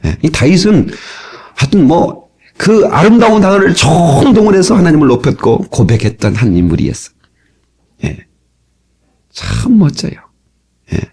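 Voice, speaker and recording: A male pastor preaching a sermon to his congregation, lively and folksy, often asking them for a response, heard from an old cassette tape recording. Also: a little high, normal speed, gravelly, pauses often, husky. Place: church sanctuary.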